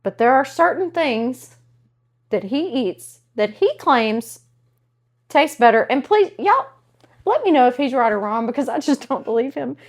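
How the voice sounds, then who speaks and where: Woman, podcast co-host, animated storyteller, wide-ranging pitch, playful delivery. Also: a little slow. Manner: animated, laughs often, acts out quotes. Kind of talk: casual chat.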